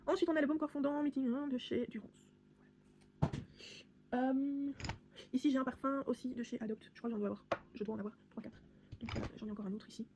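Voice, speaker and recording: A woman's voice: on the high side, warm tone, lo-fi sound, slight background noise. A young woman vlogging casually through her beauty products, chatty and rambling with many fillers and restarts. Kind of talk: casual product haul vlog.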